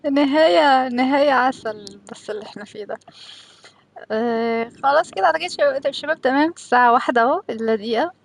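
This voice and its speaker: A woman's voice: high-pitched, very fast, creaky. A woman with an Egyptian Arabic accent chatting casually and informally as a game streamer, with a giggly manner. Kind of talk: casual livestream chat.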